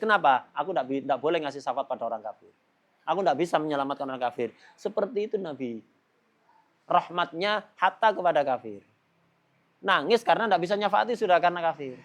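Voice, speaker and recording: A man giving a religious study lesson in an emphatic, casual way, often putting rhetorical questions to his listeners and mixing in Arabic phrases. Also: sits high. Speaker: religious teacher.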